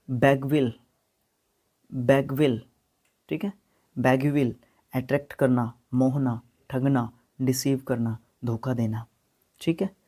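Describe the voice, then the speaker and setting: Mellow Haryanvi man teaching vocabulary. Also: mid-range voice. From Haryana, India. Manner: reads words slowly and spells them out, mixing Hindi and English. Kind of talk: recorded exam-prep lesson.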